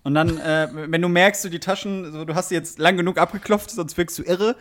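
A man's voice: a little high, a little fast. A man co-hosting a casual podcast, telling a funny anecdote and acting out his own reactions. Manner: animated storyteller, acts out his own reactions. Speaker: podcast co-host.

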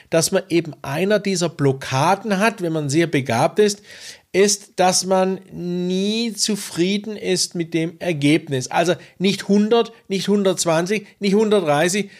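Higher-voiced man explaining as a coach. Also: a little slow. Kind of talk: interview answer, explaining.

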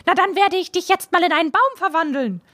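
A woman's voice: very high voice, fast talker, fairly bright tone, no echo, studio quality, pitched above the performer's own voice. A woman voicing a forgetful old witch in a storybook reading, shrieking and drawn out. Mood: shrill.

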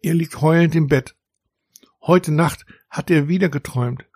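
A man voicing a caring, slightly worried mother in a children's audiobook, speaking gently. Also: fairly high pitch, unhurried, no room sound, clean studio sound, pitched above the performer's own voice. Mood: concerned. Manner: gentle, concerned.

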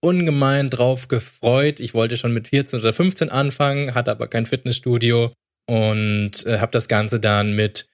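A man's voice: mid-range voice, steady tone, normal speed. A man of thirty, a podcast guest chatting casually about how he started training. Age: 30s. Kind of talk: casual interview talk.

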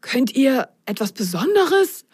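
A woman's voice: high-pitched, big pitch swings, takes it slowly, husky, pitched above the performer's own voice, exaggerated voice. Woman putting on a showy circus magician. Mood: puzzled. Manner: loud, theatrical spell-calling.

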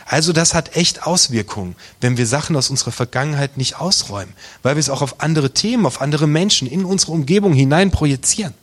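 A man preaching a sermon, emphatic and direct, asking rhetorical questions and dropping to hushed tones for weight. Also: a little high, lively intonation, quick pace, few pauses, breathy edge.

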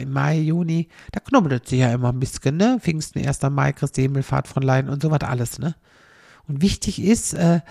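A woman's voice: deep voice, gravelly, darkish tone, slightly rough, dry recording, clean studio sound. A middle-aged woman telling rambling comic stories and tagging nearly every sentence with a questioning "ne". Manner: chatty, tags almost every sentence with a questioning "ne". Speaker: comic storyteller.

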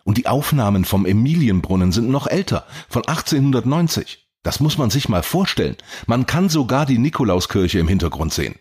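A man voicing a calm, chatty male antiquarian in an audiobook, explaining things at an easy pace. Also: mid-range voice, brisk, few pauses, husky, pitched above the performer's own voice.

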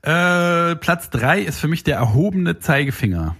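A man's voice: on the high side, very animated, unhurried, a bit bright, slightly rough. A man co-hosting a podcast in casual comedic chat, joking around and dropping into silly sounds. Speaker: podcast co-host.

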